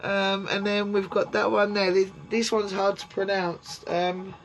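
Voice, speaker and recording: An allotment vlogger, her voice gruff from a sore throat, rambles casually with lots of ums while showing viewers around her greenhouse outdoors, filmed on a tripod-mounted camera. Her medium-pitched voice stays level and unhurried. The rough recording picks up lawnmowers and traffic in the background.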